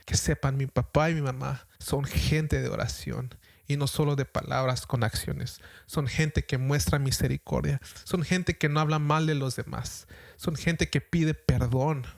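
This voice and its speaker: Middle-aged male pastor, earnest repetitive preaching, medium pitch, dry recording. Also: steady tone, measured pace, gravelly, no echo. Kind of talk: podcast sermon.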